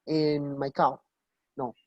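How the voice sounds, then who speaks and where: A woman teaching an online English class, coaxing her students and explaining pronunciation step by step with plenty of examples. Her voice sits fairly low and sounds close and dry, with no room around it. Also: flat delivery, drawn-out words, no room sound, dull audio. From Colombia.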